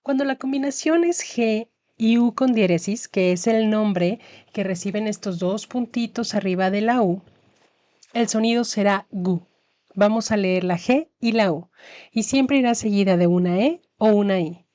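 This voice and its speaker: A woman's voice: medium pitch, dark tone, dry recording. A woman teaching Spanish in a scripted lesson narration, carefully pronouncing each example word. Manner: slow, careful enunciation of example words.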